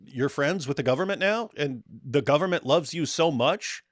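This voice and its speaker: A man's voice: on the high side, animated, normal speed, no room sound, studio quality. A man giving casual, sarcastic commentary over video clips, mocking what he translates. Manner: sarcastic, mocking, interrupts with his own translations.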